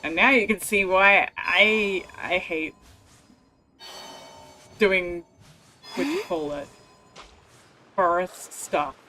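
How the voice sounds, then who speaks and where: Speaking extremely slowly with long pauses, a woman mutters and grumbles to herself while livestreaming a video game, with its music playing in the background. Her voice is lowish and expressive, sounding pushed and bright.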